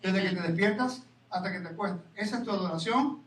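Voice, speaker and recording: Male preacher, high-pitched and animated, recorded far off in a roomy hall. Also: quick pace, a little hiss or hum. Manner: animated, rhetorical questions to the audience. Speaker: Torah teacher. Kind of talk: sermon. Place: congregation hall. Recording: echoey hall, mic from far off.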